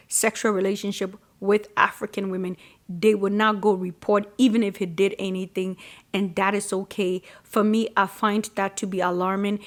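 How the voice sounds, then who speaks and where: A woman, hosting a solo commentary show as a sociologist and speaking in an earnest, emphatic, measured way. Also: medium pitch, a bit bright. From Ghana. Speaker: sociologist and podcast host.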